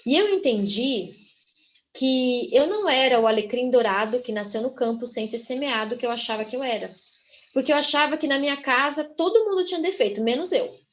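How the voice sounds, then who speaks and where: A woman with a Brazilian Portuguese accent giving a church testimony, telling her story in a lively, animated way and often calling out to the audience. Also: high voice, fairly quick, a little hiss or hum. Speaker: guest speaker giving a testimony.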